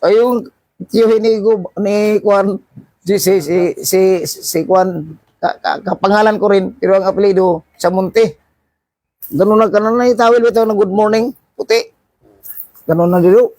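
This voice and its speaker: High-voiced man telling a story. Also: normal speed, no echo. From Philippines. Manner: animated anecdote with acted-out shouts and frequent restarts. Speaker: seafarer vlogger. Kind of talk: casual storytelling.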